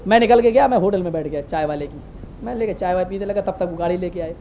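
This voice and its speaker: A man from Uttar Pradesh, India, preaching a sermon through lively anecdotal storytelling. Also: high voice. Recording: muffled lo-fi recording with faint hiss.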